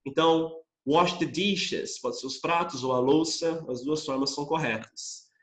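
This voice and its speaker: A young Brazilian man teaching an online English class, chatting casually with students and reading English phrases slowly and clearly. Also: a little high, fairly even intonation, reverberant. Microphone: computer mic on a video call.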